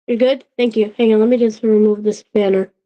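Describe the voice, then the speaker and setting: A woman hosts a relaxed livestream in a medium-pitched voice with a steady tone, talking haltingly and often restarting or checking in with chat. A sore throat that's still healing leaves her voice a little off, and the sound is lo-fi.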